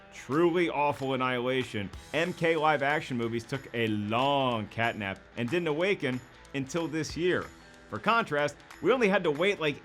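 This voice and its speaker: Bright-toned and medium in pitch, this man's voice carries an American accent. In his forties, he hosts with scripted comedic narration delivered in an emphatic, wry, joking manner.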